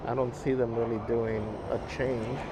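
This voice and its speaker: A man's voice: mid-range voice, flat delivery, normal speed. A man chatting casually on a live stream and reading out viewer comments. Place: outdoors aboard an open train. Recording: dull outdoor mic, clear vehicle noise.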